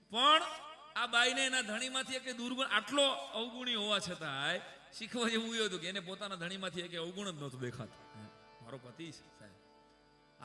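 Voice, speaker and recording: Bright high-voiced comedian. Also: male voice. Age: 30s. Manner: chatty, talks to the audience. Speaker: stage comedian. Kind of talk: live comic storytelling. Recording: echoey live stage.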